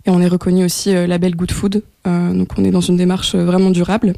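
A young woman from France speaks as a radio interview guest, her low, even voice halting often on fillers. The sound is dry and close, with no room around it, and her tone stays mellow. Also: gravelly, dry recording. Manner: hesitant, many fillers. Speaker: guest, project coordinator. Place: radio studio.

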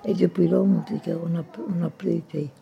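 A woman's voice: fairly low pitch, steady tone, fast talker, creaky, dull audio, slight background noise. An elderly woman in a nursing home room chatting tenderly with a visitor, rambling and humming old songs. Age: older. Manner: calls the listener "my little heart" constantly, rambling and tender; hums and half-sings old songs softly. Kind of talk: casual chat with a visitor.

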